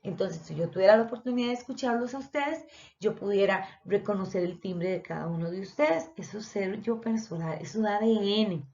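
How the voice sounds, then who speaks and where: A woman's voice: medium pitch, brisk, a little mellow. Woman teaching a voice lesson. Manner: explanatory, addresses students directly. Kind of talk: online voice lesson. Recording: dull lo-fi recording.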